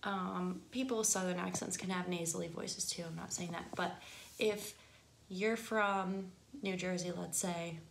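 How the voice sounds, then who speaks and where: A singing teacher with an Upper Midwest accent and a nasal voice chats casually to camera, laughing easily. Her fairly low voice carries vocal fry, with fairly even intonation and a measured pace. Slight background noise and echo fill the room.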